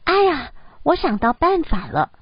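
A woman reading the lines of a caring mother in a children's story, gentle and fussing. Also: a little high, lively intonation, slow, slightly rough, dry recording, highs cut off, heavily acted.

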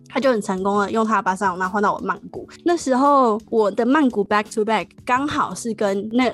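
A young woman from Taiwan, co-hosting a podcast and telling a story in an animated way, mixing English phrases into her speech. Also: medium pitch. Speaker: podcast co-host. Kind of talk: casual storytelling chat.

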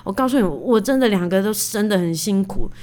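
Woman, 30s, podcast host, casual storytelling, chatty, full of fillers, animated. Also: medium pitch, a little fast. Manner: chatty, animated, indignant retelling; many fillers like "you know".

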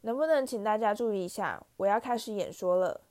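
A woman's voice: mid-range voice, brisk, a little mellow, lightly acted. Nearly Headless Nick, a woman voicing a proud ghost. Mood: announcing. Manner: stiff, sulky pride. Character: proud, touchy old nobleman ghost.

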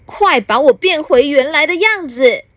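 Woman playing a shouting rude rich man. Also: high voice, lively intonation, measured pace, no echo, voice pushed up. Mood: angry. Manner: shouting, scolding.

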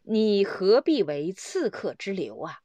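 Brief: a stern old male immortal, put on by a woman storyteller, slow, lofty and scolding. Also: medium pitch, very animated, mellow, no room sound, highs cut off.

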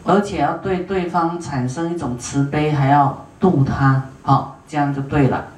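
In a spacious hall, a Buddhist nun lectures on the dharma in a low, steady, darkish voice picked up from afar. She speaks without hurry, drawing out plenty of "ah" sounds, and invites listeners to answer questions and raise their hands.

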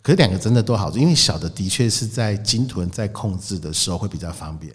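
Animated man telling a story in a roomy space. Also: lowish voice, fast, husky. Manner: animated storyteller, acts out the people in his story. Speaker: whale-watching boat operator, podcast guest. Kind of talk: casual storytelling chat.

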